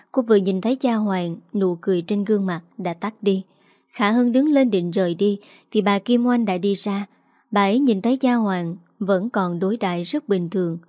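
A woman reading scripted story narration in an even storytelling manner. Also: mid-range voice, dry recording, studio quality.

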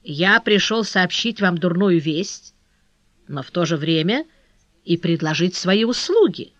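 A reader playing a cold, scheming English baronet in an audiobook, speaking dryly, laconically and slowly. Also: mid-range voice, sing-song, a bit bright, no room sound, lo-fi sound. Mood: coolly scheming. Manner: dry, laconic, slow and impassive. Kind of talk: audiobook character reading.

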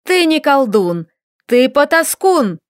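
A woman's voice: high voice, big pitch swings, slow pace, dry recording, studio quality, voice pushed up, full character voice. Woman voicing a furious, indignant young woman. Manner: shouting accusations, indignant. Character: furious young woman scolding her lover.

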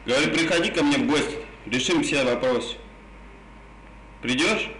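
A man with a slightly high voice wheedles casually over the phone. His r's are burred and indistinct, and he keeps repeating himself insistently. The call is echoey, with faint noise behind it. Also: moderate pace, a bit bright. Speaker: prank caller. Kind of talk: casual phone chat, coaxing.

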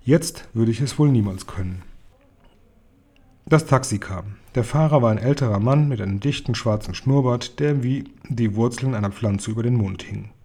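A man reading a children's novel aloud as narrator, calm and even. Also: mid-range voice, normal speed, husky. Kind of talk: audiobook reading.

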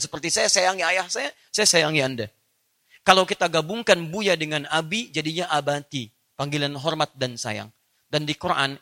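A man delivers a religious study lecture in a high, bright voice. He talks straight to his audience and keeps asking them rhetorical questions, with a clear, ringing tone. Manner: addresses listeners directly with rhetorical questions. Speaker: Islamic preacher.

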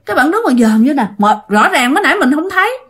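A woman's voice: high voice, very animated, fast, a bit bright. A woman with a Southern Vietnamese accent telling ghost stories in a chatty way, talking straight to her listeners. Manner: chatty, addresses listeners directly. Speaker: storytelling podcast host. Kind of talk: casual ghost-story narration.

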